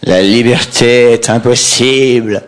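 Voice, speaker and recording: A man reading aloud as a grandiloquent poet under arrest, pronouncing every syllable slowly and solemnly. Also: mid-range voice, steady tone, natural voice. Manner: over-articulated, syllable by syllable, solemn.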